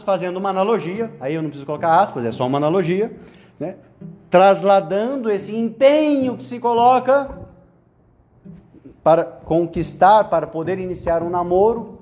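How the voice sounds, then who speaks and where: Brazilian priest type, high mellow voice, chatty homily for youth, soft music underneath. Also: male voice. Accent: Brazilian Portuguese. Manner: conversational, frequent "né?" tags, playful asides. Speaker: priest giving a meditation. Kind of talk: spoken meditation for young men.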